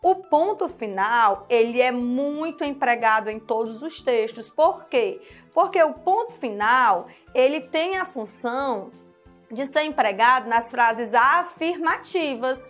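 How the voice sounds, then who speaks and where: A woman from Brazil teaching a remote lesson to young children, slow and sing-song, with exaggerated rising questions. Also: sits high, animated, a bit bright, faint music behind. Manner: speaks of herself in the third person as "tia [name]".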